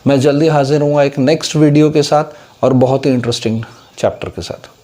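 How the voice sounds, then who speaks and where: A man's voice: medium pitch, fairly even intonation, brisk, mellow, slight background noise. A man giving a casual whiteboard lesson on English words, explaining steadily and mixing English terms into Hindi, with an Indian English accent. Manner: explanatory, mixes English into Hindi, asks for understanding. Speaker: English teacher.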